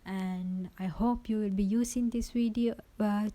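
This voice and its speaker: Using her phone's built-in mic, a tutorial presenter records a casual how-to voice-over, walking through each step and frequently checking in with the listener. Her mid-range voice is steady and dark in tone, moving a little slowly.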